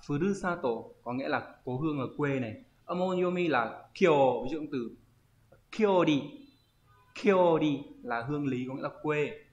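Man teaching, roomy sound. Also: on the high side. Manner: thinks aloud, pauses to search for words. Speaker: Japanese teacher. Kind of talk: online kanji lesson. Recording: roomy, slightly dull audio.

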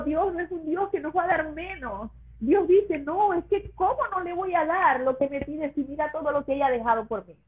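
A woman giving an emotional religious testimony to a pastor, her voice rising high when she is moved. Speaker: guest sharing her testimony. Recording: tinny phone-like line.

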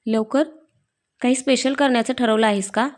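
A woman's voice: a little high, fairly even intonation, moderate pace, natural voice. A woman voicing a playful, teasing young husband who is a police officer, in a read-aloud story. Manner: teasing, affectionate.

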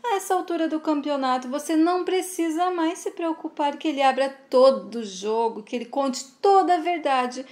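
A woman's voice: high-pitched, moderate pace, few pauses, darkish tone, pitched above the performer's own voice, natural voice. A woman voicing a smug, cruel villainous man who taunts in a sing-song way. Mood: sneering, gloating. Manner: sing-song, sneering, keeps calling her sweetheart.

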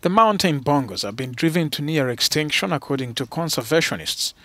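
A man's voice: on the high side, animated, fairly quick, sharp tone, no room sound. A man reading scripted nature documentary-style narration as a news reporter.

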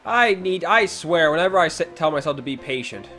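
A man's voice: a little high, expressive, brisk, sharp tone, soft background music. A young man giving casual gameplay commentary as a video host, reacting aloud to plays and complaining in exasperation. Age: young adult.

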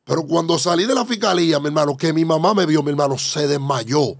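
A man's voice: on the high side, fast, gravelly, no room sound, clean studio sound. A man with a Dominican accent fervently telling his personal testimony as a guest, often calling out to the host. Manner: fervent, keeps exclaiming about faith and addressing the host.

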